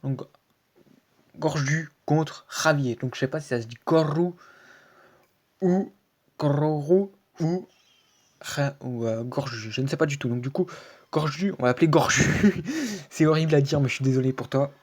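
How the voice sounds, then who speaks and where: Man, gaming channel host, casual match commentary, middle pitch, rambling, hesitant, lots of fillers, repeats himself. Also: brisk. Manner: keeps repeating stock phrases. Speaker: video game channel host. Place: home screen recording, voice-over.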